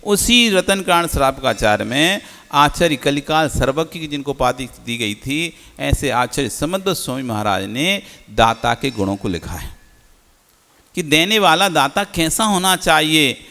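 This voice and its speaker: Bright-voiced monk preaching in a hall. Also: male voice, a little high. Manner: rhetorical questions to the audience, teacherly. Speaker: Jain monk. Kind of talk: sermon.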